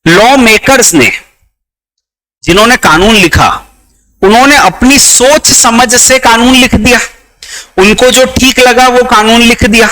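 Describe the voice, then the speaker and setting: A high, bright male voice with an Indian accent, lecturing at an unhurried, deliberate pace. He moves between Hindi and English and checks in with his students as he walks them through examples. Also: rough recording. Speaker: teacher. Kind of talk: classroom lecture.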